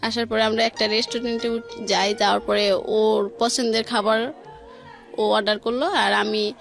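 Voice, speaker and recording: On the high side and touched with vocal fry, this woman's voice keeps fairly even intonation at a moderate pace. She has a Bangladeshi accent and tells a personal story colloquially, linking events with quoted speech, over faint music in a radio studio.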